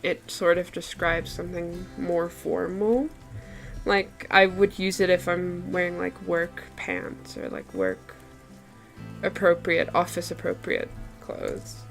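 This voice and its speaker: A woman with a lowish, gravelly voice takes her time as she chats during a live drawing session, faint music playing behind. A native Afrikaans speaker, she laughs a lot and peppers her casual talk with "like".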